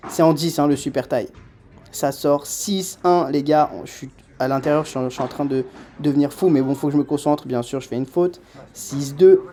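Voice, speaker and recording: A young man doing a voice-over commentary on his own padel match, self-mocking and excitable, swinging from muttering to shouting. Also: on the high side, a little hiss or hum.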